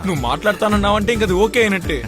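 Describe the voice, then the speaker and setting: An actor playing a stubborn, scheming young man in dubbed film dialogue, fast and pushy. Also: high voice, over music, close to an everyday voice. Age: young adult. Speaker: son.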